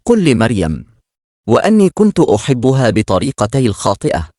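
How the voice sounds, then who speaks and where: A repentant, dying woman pours out her regret, as a male storyteller reads her lines. The delivery is sorrowful and swings freely in pitch, recorded dry and close. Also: wildly swooping pitch, fairly quick, warm tone, dry recording. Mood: regretful. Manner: sorrowful confession read aloud. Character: remorseful dying middle-aged woman, repentant.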